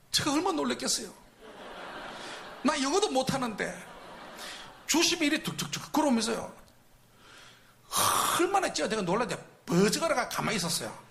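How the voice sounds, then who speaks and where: A man preaching tells his story with lots of animation. His voice is high and bright, swinging widely in pitch. He often breaks into shouted reenactments. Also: gravelly, a little hiss or hum. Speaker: preacher at a Friday night service. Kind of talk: storytelling sermon testimony. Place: church sanctuary.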